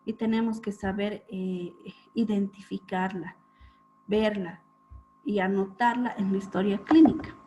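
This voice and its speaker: A woman lecturing students on clinical topics, explaining step by step and often checking in with a quick question. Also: mid-range voice, darkish tone. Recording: dull lo-fi recording with faint hum.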